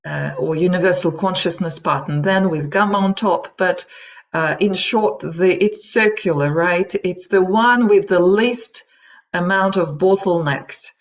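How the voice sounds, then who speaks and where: The recording is dull lo-fi webinar sound of a native Russian speaker, Russian accent audible, lecturing online in an unhurried mid-range voice. He or she explains things informally and hesitantly, frequently going off on asides.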